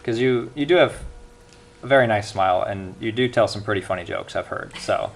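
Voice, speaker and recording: A man's voice: on the low side, brisk, creaky, a little hiss or hum. A young man giving an earnest speech evaluation at a club meeting, with frequent restarts.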